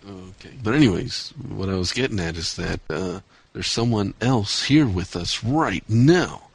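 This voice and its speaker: A man's voice: on the low side, measured pace, vocal fry, breathy edge, dry recording. A man hosting a gaming podcast, chatting casually and bantering with his co-hosts. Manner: relaxed, bantering. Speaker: podcast host. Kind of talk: casual chat.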